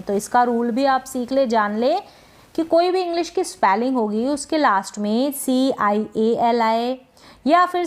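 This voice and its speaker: A woman teacher with a Hindi accent gives a patient spelling and pronunciation lesson, asking questions and answering them herself. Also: on the high side. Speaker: English teacher. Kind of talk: explanatory lesson with rhetorical questions.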